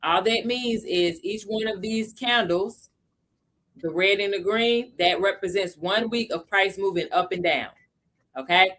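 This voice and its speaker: A woman's voice: mid-range voice, fairly bright tone. A woman hosting a casual livestream lesson on crypto, chatting with viewers and greeting them by name. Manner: slows down to stress key points. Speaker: livestream host teaching crypto basics.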